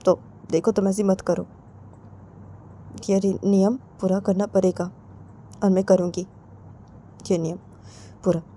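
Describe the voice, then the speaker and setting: A soft-spoken young bride, as a woman narrator plays her, pleading in a hushed, mellow voice that drops near a whisper. The delivery stays quiet and earnest throughout. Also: mid-range voice, level tone, a little slow, long pauses, a little hiss or hum, natural voice.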